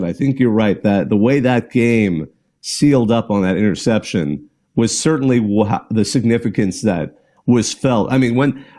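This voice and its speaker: A man with a lowish, dark voice hosts a live call-in sports podcast. He chats casually and rambles, restarting sentences and letting out small laughs.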